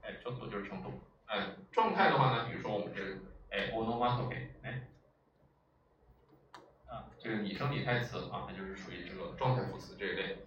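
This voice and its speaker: A man's voice: fairly low pitch, animated, fast talker, fairly bright tone, lo-fi sound. A man teaching a language lesson in a lecture style, explaining patiently and checking in with his listeners often. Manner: explanatory, frequent filler sounds and rhetorical checks. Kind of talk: classroom lecture. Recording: echoey room, far from mic, faint noise.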